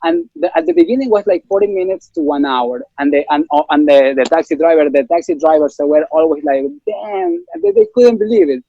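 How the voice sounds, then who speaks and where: A man's voice: fairly high pitch, big pitch swings, fairly quick, gravelly, hardly any pauses, dry recording, highs cut off. A man from Ecuador with a Spanish accent, speaking casually as an interview guest with many fillers and restarts.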